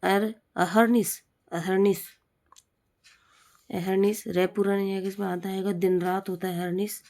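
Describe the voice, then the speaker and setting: A woman tutor runs a spelling drill at an unhurried, deliberate pace. She names each word, states the wrong form, then repeats the correct one in a plain, mid-pitched voice. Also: little pitch movement, darkish tone. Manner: slow, repetitive drilling of correct forms. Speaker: Hindi teacher. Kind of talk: spelling lesson for exam prep.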